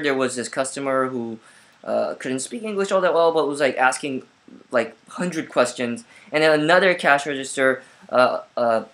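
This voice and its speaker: A man's voice: medium pitch, fairly bright tone. A man telling a casual vlog story at home, rambling with many fillers and restarts, recorded on his laptop webcam. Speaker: vlogger.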